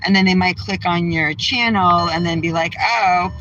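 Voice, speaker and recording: A brash Massachusetts woman sits in her car running a casual livestream, trash-talking and bluntly answering viewer comments. Her voice is lowish and fairly bright at a normal speed, with the highs cut off and a little hiss or hum.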